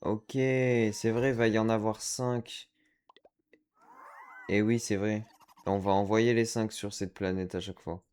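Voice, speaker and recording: A man's voice: fairly low pitch, flat delivery, measured pace, long pauses, darkish tone, clean tone. A man giving chatty let's-play commentary as a gaming streamer, reacting aloud to the game and dropping English slang.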